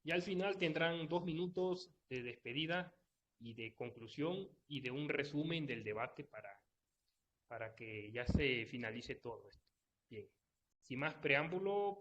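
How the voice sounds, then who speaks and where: A man's voice: a little high, lively intonation, unhurried, fairly bright tone. Guy moderating an online debate, polite and formal, muffled lo-fi sound. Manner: formal, polite, explains rules step by step. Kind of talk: live audio debate moderation. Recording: dull lo-fi online audio.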